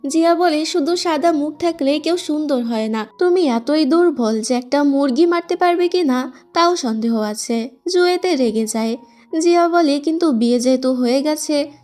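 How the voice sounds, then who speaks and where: A woman narrating a drama recap as a story, reading the characters' lines in her own voice with brisk storytelling. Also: high-pitched, darkish tone. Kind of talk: scripted story narration with quoted dialogue. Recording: faint background music.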